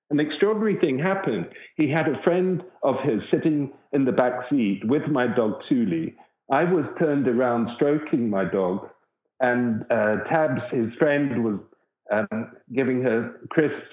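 A man's voice: medium pitch, expressive, a little slow. A man, a wildlife researcher, telling an earnest, rambling story as an interview guest. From southern Africa. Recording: tinny phone-like line with echo.

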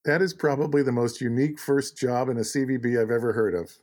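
A man hosting an interview podcast, speaking in a measured and congratulatory way. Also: medium pitch, a little mellow. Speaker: podcast host.

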